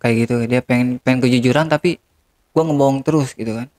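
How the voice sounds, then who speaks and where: Here a man speaks fast in a medium-pitched, darkish voice, confessing with regret as a guest on an interview. He keeps turning to the host, calling him "Bang," as the story unfolds.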